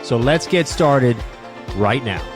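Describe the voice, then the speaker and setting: A man's voice: mid-range voice, lively intonation, slow pace, music in the background. A man hosting a podcast interview, upbeat and delivering a scripted show intro. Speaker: podcast host.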